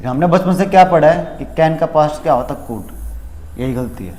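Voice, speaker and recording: A man's voice: fairly high pitch, fairly quick. Indian man teaching English, echoey room. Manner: lively, addresses students as kids, mixes English terms into Hindi. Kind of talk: exam coaching lecture. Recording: echoey room with long reverb.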